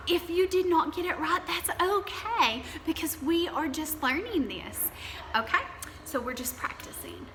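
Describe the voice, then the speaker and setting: Slow, singsong woman teaching children to count. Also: a little high, background noise. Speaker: kindergarten teacher. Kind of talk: children's counting lesson, addressing pupils directly. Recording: echoey, reverberant room.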